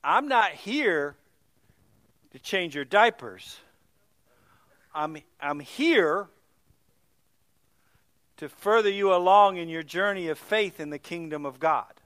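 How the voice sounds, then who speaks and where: A middle-aged man preaching a sermon, his voice high and forceful. He tells stories with big swings, booming one moment and dropping to a hush the next. The sound is close and dry. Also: animated, takes it slowly, pauses often, dry recording. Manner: storytelling, swings from loud exclamations to hushed near-whispers. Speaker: pastor.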